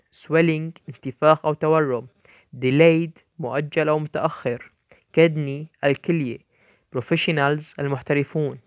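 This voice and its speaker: A man reading English vocabulary words one by one, each followed by its Arabic translation, in a slow, deliberate dictating manner. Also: a little high, no echo. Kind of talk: vocabulary list read aloud with Arabic translations.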